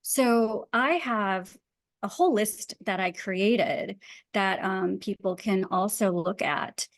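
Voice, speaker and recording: A woman from Pakistan, appearing as a guest wellness and design expert in an interview, explains her ideas conversationally with earnest emphasis. Her voice is medium-pitched and slow, captured in a dry recording.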